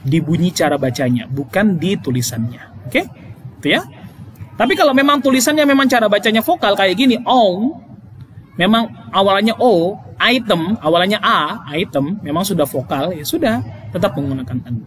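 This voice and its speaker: A man's voice: high-pitched, animated, normal speed, a bit bright, a little hiss or hum. A male English teacher explaining grammar in a lesson, emphatic, repeating key points and checking with "oke?".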